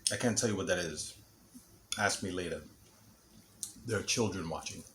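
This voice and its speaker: In his home kitchen, a man hosts a casual cooking video, chatting and joking as he cooks and eats. His voice is low-pitched at normal speed, recorded on a camera mic with no camera operator and with background noise.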